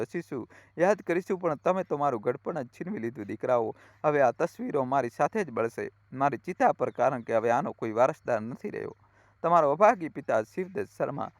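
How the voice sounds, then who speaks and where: A man's voice: fairly high pitch, no echo, lightly acted. A man voicing a heartbroken old father of seventy-five who speaks with tender reproach as he nears death.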